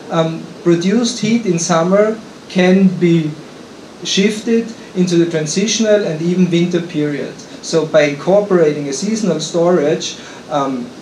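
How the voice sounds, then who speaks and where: A man from Austria with an Austrian German accent, giving a conference presentation as an engineer. He speaks haltingly, with frequent fillers and restarts. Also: on the high side, a little mellow, echoey room, slight background noise, poor audio. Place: conference hall.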